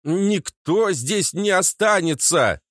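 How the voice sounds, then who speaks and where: A man's voice: high-pitched, lively intonation, slow pace, fairly bright tone, dry recording, studio quality, full character voice. Man doing a terse, irritable family man. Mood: exasperated. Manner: terse, exasperated.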